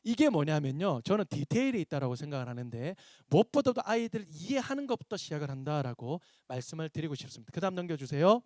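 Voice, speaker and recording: A man's voice: fairly high pitch, fast talker, hardly any pauses, no room sound, clean studio sound. A man, a pastor, giving a seminar lecture to teachers, telling stories and acting out the dialogue in them. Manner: animated storyteller acting out dialogue. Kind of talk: seminar lecture with acted anecdotes.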